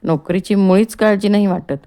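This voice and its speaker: Woman voicing cranky sick old guy, restless, gravelly and dark, storybook play reading. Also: medium pitch, a little fast, pitched above the performer's own voice, close to an everyday voice. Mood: fretful. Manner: complaining, agitated. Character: ailing older man, restless, fretful householder.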